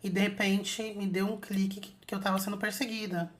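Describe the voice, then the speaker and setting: A woman's voice: mid-range voice, fairly even intonation, brisk. A woman hosting her own channel, chatting casually to viewers as she retells an experience with lots of fillers. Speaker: channel host telling an astral projection story.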